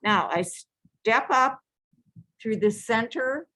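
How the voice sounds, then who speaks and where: A woman leads a live beading lesson from her craft table, talking slowly and calmly through each step. She repeats each instruction and now and then restarts a phrase. Her voice sounds close and dry, with no room echo. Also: a little high. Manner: patient, repetitive step-by-step instructions with self-corrections.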